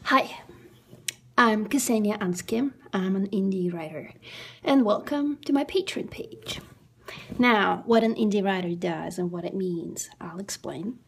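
A woman in her thirties with a Russian accent, an indie writer and vlogger, speaks straight into a phone or webcam held close to her face in a small room at home. Her medium-pitched, measured voice has a breathy edge. The vlog is playful, casual, goofy and theatrical, swinging from whispers to excited squeals.

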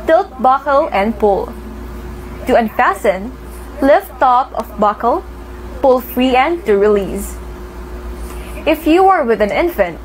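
High-pitched young Filipino flight attendant woman. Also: slight background noise, poor audio. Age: young adult. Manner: formal, clearly phrased flight attendant delivery. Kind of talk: scripted flight attendant safety announcement.

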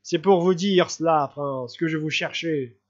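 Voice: medium pitch, unhurried, dull audio, close to an everyday voice. An audiobook reader voicing an eager, fawning male officer who earnestly offers his services.

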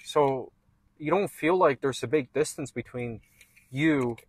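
Here the same kind of speaker, a young man from Canada co-hosting a laid-back conversation, wanders from point to point, leaning heavily on "like" and "man." His medium-pitched voice is slightly rough, his pace measured, and there's no echo.

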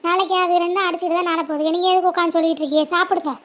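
A scolding mother in a home drama, played by a woman, her voice sitting very high. She nags her daughters in a sharp, constant stream. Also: fairly even intonation, rapid-fire. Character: scolding middle-aged mother of two girls. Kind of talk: family drama role-play.

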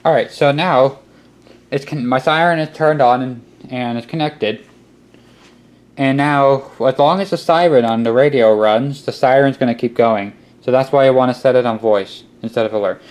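Filmed on a handheld camera in a cluttered workshop or utility room, a hobby electronics host narrates a casual how-to step by step. His medium-pitched voice has a darkish tone and a normal pace, and the recording carries clicks and clear background noise.

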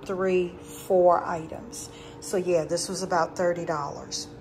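A woman's voice: lowish voice, slight background noise. A woman chatting casually at home, showing her groceries and often correcting herself. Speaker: vlogger showing a grocery haul. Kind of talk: casual chat. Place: home, at a dining table.

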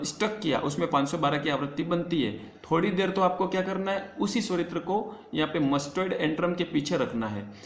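Hindi nursing lecturer in an echoey room. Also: male voice, on the high side. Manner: explains in Hindi mixed with English, halting English lines, keeps asking "okay?". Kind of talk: classroom lecture. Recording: echoey room, faint noise.

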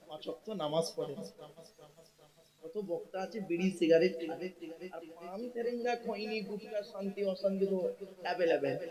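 High-voiced joking preacher. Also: male voice. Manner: jokey, coaxing, calls listeners "baba". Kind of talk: sermon. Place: outdoor gathering tent. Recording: crowd noise at a religious gathering. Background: large crowd.

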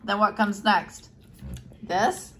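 A woman's voice: medium pitch, fairly even intonation, takes it slowly, pushed and bright. A woman chatting casually from behind the camera in a room at home, asking questions as an off-camera helper. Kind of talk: casual chat. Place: small room at home, indoors.

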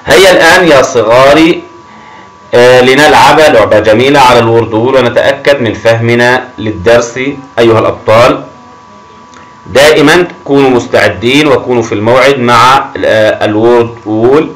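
A man teaching a grammar lesson to young children, encouraging and often praising them, stretching words slowly as he reads them aloud. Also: medium pitch, fairly bright tone, rough recording. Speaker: primary school teacher.

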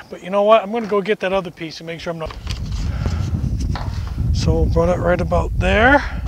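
A middle-aged man with a fairly high voice talks through a building job outside, step by step and in a chatty way. The camera mic sits a little off from him, with faint outdoor noise behind. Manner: chatty, explains each step while working, self-deprecating jokes. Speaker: homesteading vlogger. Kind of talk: casual how-to narration. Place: outdoors at a wooded barn. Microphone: camera mic from a distance.

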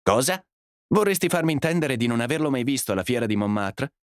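A man's voice: medium pitch, expressive, fast talker, dry recording, clean studio sound, voice pushed up, natural voice. A man voicing an anxious young man who pleads with his friend, in an audiobook reading. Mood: vivid. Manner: earnest, pleading. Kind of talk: audiobook character voice.

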